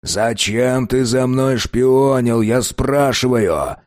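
A man reading an audiobook voices a gruff, grumbling old vampire who talks slowly and curtly. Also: a little mellow, no room sound, clean studio sound, close to an everyday voice. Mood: menacing. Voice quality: low, growling. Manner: slow, weary, curt. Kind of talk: audiobook character voice.

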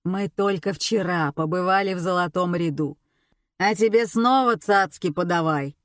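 A woman voicing a gruff, scornful, bossy husband in an audiobook. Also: fairly low pitch, moderate pace, no echo, studio quality, natural voice. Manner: gruff, mocking.

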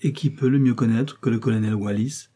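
Un homme qui prête sa voix à une femme vive et perspicace, taquine et câline, dans un livre audio. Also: male voice, medium pitch, fairly quick, warm tone, husky, natural voice. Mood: teasing, coaxing. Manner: arch, coaxing, playful. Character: lively shrewd middle-aged woman, teasing invalid friend.

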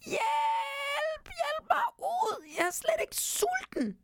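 A woman voicing a stubborn male field mouse in a squeaky, high voice, reading a storybook tale. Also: animated, vocal fry, no echo, clean studio sound. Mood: panicked. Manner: squeaky, stubborn, cries out in panic.

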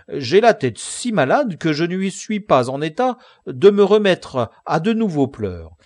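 A man voicing a simple, blunt, loyal squire in an audiobook, excitable and pleading, pitched higher than his narration. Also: no echo, studio quality. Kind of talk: audiobook character reading.

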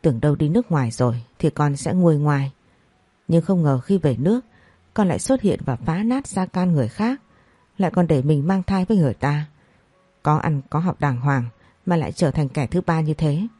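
A stern middle-aged mother scolds her grown daughter in a low, dark voice, as a woman storyteller plays her. The sound is husky and dry. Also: animated, moderate pace, dry recording. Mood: scolding.

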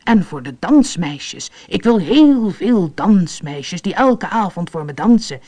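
A woman voicing a boastful, greedy poor man, excited and grandiose. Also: on the low side, slow.

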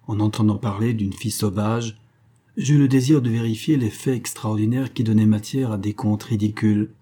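A man voicing a grieving old male country doctor who tells a sad story in a measured way. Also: on the low side, steady tone, warm tone, breathy edge. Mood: sorrowful.

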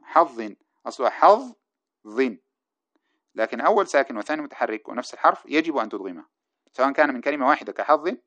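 A man teaching a classroom lecture, reading a grammar text aloud and explaining it line by line in a brisk, explanatory way. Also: mid-range voice, a bit bright. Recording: dull lo-fi recording.

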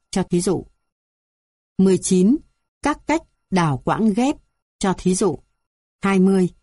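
A woman reads a music theory textbook aloud in a mellow, warm voice. Her delivery is even and measured, moving steadily through numbered items. The recording is dry and close. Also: on the low side, husky, no room sound. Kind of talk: scripted textbook narration.

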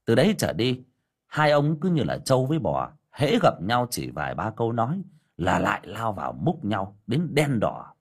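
A man reads an audiobook folk tale with a husky, slightly low voice. His pitch swings widely as he leans into the telling, colloquial and vivid. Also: normal speed. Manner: storytelling with lively emphasis, colloquial. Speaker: narrator. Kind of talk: audiobook story narration.

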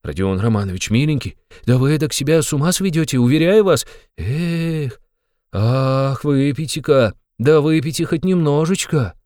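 A man's voice: a little high, moderate pace, a little mellow, no room sound, clean studio sound, lightly acted. A man playing a fawning, sly old-school investigator. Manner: wheedling, fawning, full of sly asides. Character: sly fussy middle-aged male investigator.

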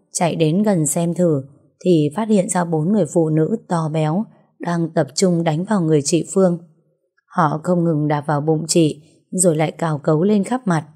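Low, mellow woman audiobook narrator. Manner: measured, dramatic storytelling. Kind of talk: audiobook story reading. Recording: soft music under the reading.

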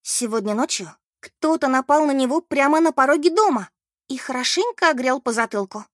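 A woman's voice: sits high, expressive, a little fast, dry recording, clean studio sound, pitched above the performer's own voice. A woman voicing a small, plump, dramatic woman of thirty-eight who tells news breathlessly. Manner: breathless, theatrical.

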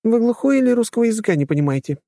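A man voicing a haughty, scornful aristocrat's female companion in an audiobook, with a nasal, shrill voice. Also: big pitch swings, very fast, gravelly, dark tone, no echo, clean studio sound, exaggerated voice. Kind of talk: audiobook character voice.

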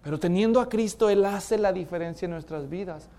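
In a high voice and at a slightly fast pace, a man preaches, retelling stories with drama and performing the different voices. When he reaches his key points, he softens into quiet emphasis.

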